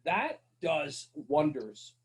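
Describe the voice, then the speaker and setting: Speaking very slowly, a man with a fairly high voice and wide pitch swings appears as a podcast guest. He tells stories about firehouse culture in an earnest, emphatic conversational style, checking in rhetorically with his listener.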